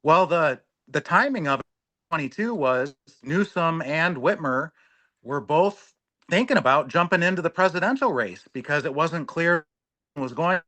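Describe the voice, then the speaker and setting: A man speaking as a guest panelist on a video call, halting and repeating himself while his audio breaks up. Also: fairly high pitch, lively intonation, bright, forceful tone, no echo. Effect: choppy audio breaking up on a video call.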